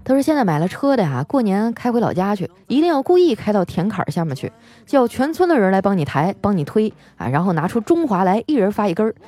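Lively, laughing woman radio host. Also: medium pitch, quick pace. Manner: playful, teasing, laughs often. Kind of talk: reading listener jokes on radio.

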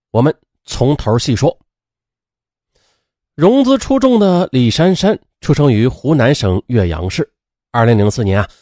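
Male narrator for true crime audio: highly animated pitch, dramatic storytelling with casual asides, dry studio-close sound. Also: no echo. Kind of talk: lively spoken storytelling narration with conversational asides.

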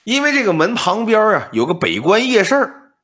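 A man telling an old ghost story on a podcast, explaining details in an animated, comic patter. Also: high-pitched, moderate pace. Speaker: storyteller, co-host.

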